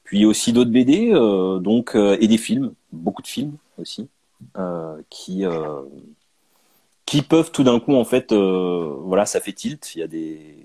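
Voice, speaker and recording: Low-voiced hesitant man, dry sound. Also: lively intonation, measured pace, warm tone, breathy edge, no room sound. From born in Canada. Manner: hesitant, many fillers and restarts, laughs easily. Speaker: guest comic artist. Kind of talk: casual interview answers.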